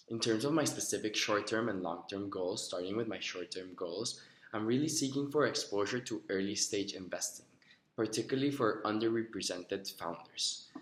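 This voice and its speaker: A man's voice: on the low side, fairly bright tone, reverberant. A young man from Rica, giving earnest, rehearsed answers in a recorded video interview, with a few fillers. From Costa Rica. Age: young adult. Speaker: job applicant. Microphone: recorded himself on video.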